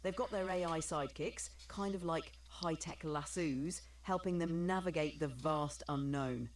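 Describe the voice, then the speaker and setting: Low synthetic lady voice, ai assistant vibe, upbeat and agreeable, spins stories with slang. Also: unhurried, recorded from a distance.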